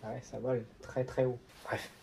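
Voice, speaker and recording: A man's voice: mid-range voice, flat delivery, normal speed, vocal fry, darkish tone, slight background noise. Mocking man, roomy and distant. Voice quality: mocking, teasing. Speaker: commentator. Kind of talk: sarcastic video commentary. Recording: roomy, distant mic, faint music.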